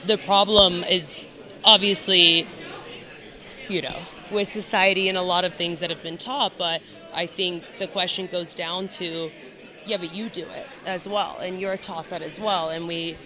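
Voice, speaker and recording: A woman's voice: lowish voice, bright, forceful tone. A woman being interviewed casually on a red carpet, speaking in a candid, rambling, emphatic way. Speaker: festival guest being interviewed.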